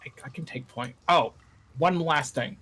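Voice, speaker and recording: A man's voice: fairly high pitch, normal speed, pushed and bright. A man playing a tabletop game, talking loosely and casually, joking and swearing as he recaps and plans. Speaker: player.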